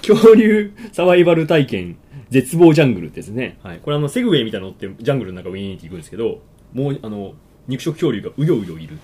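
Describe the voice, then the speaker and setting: A man telling a story in casual chat, acting out his own panicked shouts. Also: medium pitch, very animated, very fast, breathy edge.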